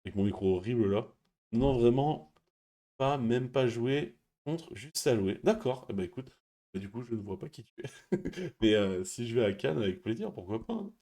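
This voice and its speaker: A man hosting a stream, chatting casually and reading viewer messages, speaking quietly and laughing often. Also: medium pitch, lively intonation, normal speed. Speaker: stream host.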